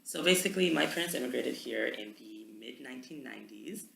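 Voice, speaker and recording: Relaxed and long-winded, this young adult Canadian student talks casually about language, filling his speech with ums. His mid-range voice has vocal fry and moves a little fast. Faint background noise sits in a roomy recording.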